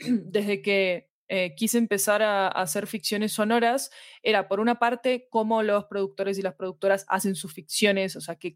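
A woman with a Latin American Spanish accent featuring voseo, a fiction podcast creator appearing as a guest, reflects at length in a conversational interview and often seeks agreement with small tag questions. Her voice is medium-pitched, recorded at studio quality with no room sound.

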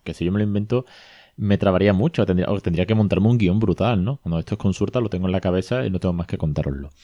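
A man from talks in a deep, mellow voice. He hosts a casual podcast, retelling a consultation with chatty asides. The recording is dry and close. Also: very fast, no echo, lo-fi sound. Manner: conversational, retells dialogue, frequent asides and self-corrections. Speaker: podcast host, bilingual parenting consultant.

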